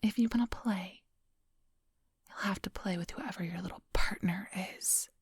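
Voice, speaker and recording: A woman whispers breathily and close to the mic, playing a coolly hypnotic, controlling female vampire in an ASMR roleplay. Her mid-range voice moves at a normal speed with a breathy edge, condescending, coaxing and commanding by turns, scornful and probing in mood. The dry, close recording has no echo.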